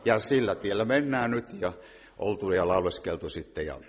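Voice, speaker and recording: A man's voice: sits low, lively intonation. A man from a visiting choir, talking in a joking, rambling way at a church service. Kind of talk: humorous talk at a church service. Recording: reverberant church hall with faint noise.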